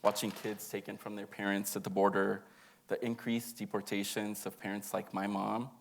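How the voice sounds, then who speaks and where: A young adult man with a fairly low, creaky voice reads an autobiographical monologue aloud. His storytelling is earnest and emotive.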